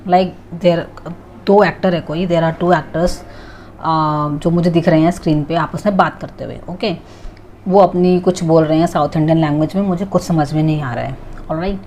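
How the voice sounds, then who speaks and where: Low-voiced woman teaching English patiently. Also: fairly even intonation, normal speed, warm tone, a little hiss or hum. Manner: explains patiently, often checking in with "alright" and "okay"; mixes English phrases into Hindi talk. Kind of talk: casual spoken lesson.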